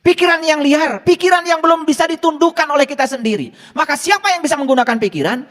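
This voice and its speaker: A male preacher gives a casual sermon, pressing his listeners with rhetorical questions. His high voice swings widely in pitch. A long hall reverb trails behind every phrase. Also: fast talker. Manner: rhetorical questions, lively teaching.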